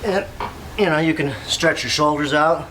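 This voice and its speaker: A man's voice: on the high side, moderate pace, bright, forceful tone. A man giving a casual, rambling exercise demonstration, instructing as he goes and repeating himself. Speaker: workout host. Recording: clearly noisy ambient background.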